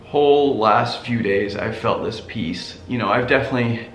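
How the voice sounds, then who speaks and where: A man's voice: mid-range voice, normal speed, a bit bright. A man talking to viewers in a heartfelt, personal way, earnest and emotional. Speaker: family vlog host. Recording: roomy echo, music behind.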